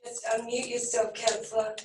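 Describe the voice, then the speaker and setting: A woman with a croaky voice chairing a council meeting as mayor, reading through the agenda items briskly. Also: a little high, flat delivery, darkish tone, a little hiss or hum. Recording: echoey room from a distance.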